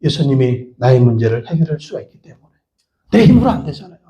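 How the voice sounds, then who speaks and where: A man, a pastor, preaching a sermon with repeated phrases and leading the congregation in shouted prayers. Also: medium pitch, sing-song, quick pace.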